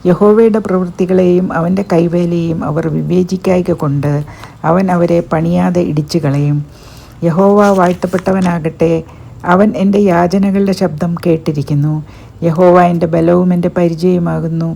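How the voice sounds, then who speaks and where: A woman giving a slow, solemn reading of psalms as a scripture reader. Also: lowish voice, vocal fry, warm tone.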